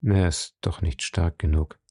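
A man's voice: steady tone, unhurried, mellow, slightly rough, dry recording, exaggerated voice. A man doing a subdued, shaken trapped man. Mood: tense. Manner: low, subdued, hesitant. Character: frightened man trapped in a cellar.

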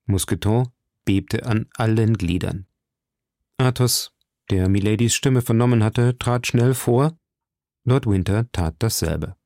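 A man reading a classic novel aloud as narrator in a slow, deliberate manner. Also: on the low side, vocal fry, a little mellow, no echo, clean studio sound. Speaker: narrator, audiobook reader.

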